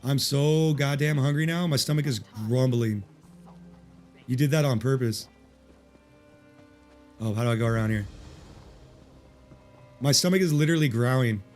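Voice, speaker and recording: A man's voice: medium pitch, moderate pace, long pauses, a little mellow, faint music behind. A man chatting casually with his livestream chat while playing a game, joking and swearing a lot, speaking into a desk mic. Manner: profane, joking, greets chat. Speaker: livestream gamer. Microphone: desk mic with noise removal.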